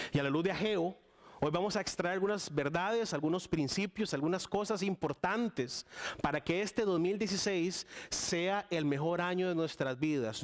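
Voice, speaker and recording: Young costa rican guy preaching, kinda high voice, chatty with lots of ums and restarts. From Costa Rica. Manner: chatty and warm with frequent fillers and restarts. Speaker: guest preacher. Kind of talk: sermon.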